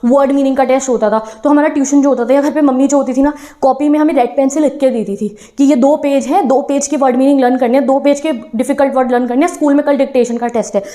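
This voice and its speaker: A woman's voice: high-pitched, fairly even intonation, quick pace, hardly any pauses, warm tone. A young woman teacher giving an encouraging talk to exam students, switching between Hindi and English phrases. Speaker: online teacher.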